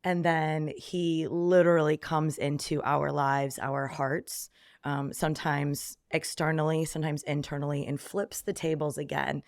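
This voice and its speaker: A woman's voice: deep voice, little pitch movement, unhurried, no echo, clean studio sound. A woman guest on a podcast giving a reflective faith testimony, with frequent ums, acting out her own past thoughts in quoted lines.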